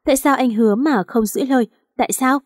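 A woman's voice: fairly high pitch, normal speed, a little mellow, no room sound, clean studio sound, lightly acted. A woman voicing a tearful young woman in a romance audiobook, pleading and questioning. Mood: reproachful.

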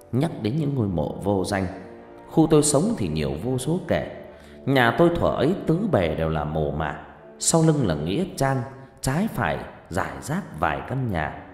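A man's voice: medium pitch, darkish tone. A man narrating a first-person ghost story dramatically. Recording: echoey reverb with background music.

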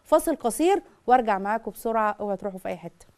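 A middle-aged woman with an Egyptian Arabic accent, hosting a live call-in parenting advice show and acting out mothers' words as she talks. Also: medium pitch. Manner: rapid, animated, acts out mothers' words.

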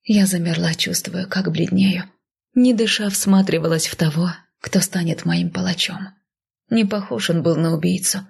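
A woman reading a first-person story aloud as an audiobook narrator, in a soft, often half-whispered way. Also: on the low side, normal speed, creaky, slightly rough.

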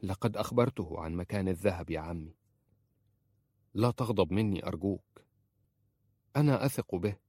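A man's voice: lowish voice, expressive, normal speed, pauses often, darkish tone, no echo, clean studio sound. A man voicing an earnest young wife who pleads with her uncle in a story reading. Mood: pleading.

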